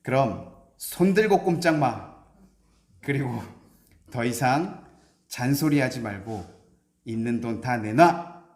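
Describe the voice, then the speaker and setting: A man voicing a rough, blustering male burglar who barks his threats. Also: mid-range voice, expressive, takes it slowly, pauses often, roomy sound. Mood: threatening. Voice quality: gruff, shouting threats.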